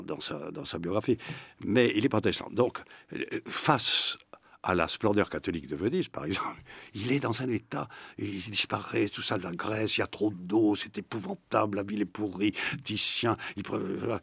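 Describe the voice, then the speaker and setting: Deep husky-voiced man talking about books. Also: no echo. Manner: lively, many restarts and fillers. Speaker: writer, guest. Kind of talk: animated studio conversation.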